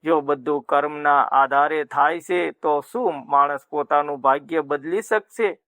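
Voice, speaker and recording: A man's voice: a little high, measured pace, a bit bright, no echo. A man voicing the grieving queen Draupadi in a told myth, speaking in a trembling, imploring way. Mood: pleading. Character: grieving queen Draupadi, adult woman, pleading.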